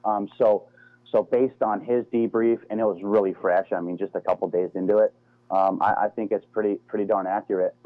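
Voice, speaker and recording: A middle-aged American man with a low voice speaks as an interview guest, loose and slangy, tacking "man" and "dude" onto his sentences. His voice comes through a thin, narrow phone line. The sound is dry, with no room around it. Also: steady tone, a little fast, no echo. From United States. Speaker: interview guest, former Navy SEAL. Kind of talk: casual interview over the phone.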